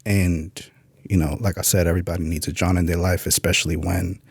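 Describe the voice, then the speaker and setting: A man's voice: deep voice, flat delivery, a little fast, vocal fry, breathy edge, no room sound, clean studio sound. A man from New York, a podcast guest telling his life story in a blunt, streetwise way, swearing freely. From New York, USA. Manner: acts out past dialogue in a raised voice. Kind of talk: candid interview storytelling.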